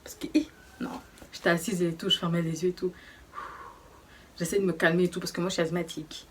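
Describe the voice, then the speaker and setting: A young woman telling a personal story in a casual, slangy way, often hushed, with many fillers. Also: fairly low pitch, little pitch movement, a little fast, slight background noise. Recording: voice distant from the mic.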